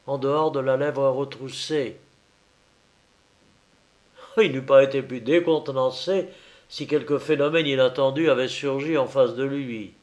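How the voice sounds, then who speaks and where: A man narrating a classic detective novel in a measured, deliberate reading. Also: medium pitch, a little mellow. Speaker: audiobook narrator. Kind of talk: scripted narration.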